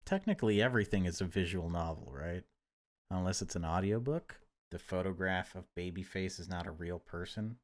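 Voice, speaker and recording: Speaking fairly quickly in a low voice, a man hosts a video of himself playing a horror visual novel, game music running underneath. His talk moves from dramatic readings of the text to easygoing commentary.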